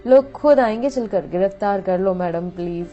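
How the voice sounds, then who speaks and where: A woman's voice: medium pitch, moderate pace, dark tone, natural voice. A woman voicing a friendly, chatty young male medical student in a storybook reading. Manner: chatty, teasing, then earnest. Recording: dull lo-fi audio with faint music.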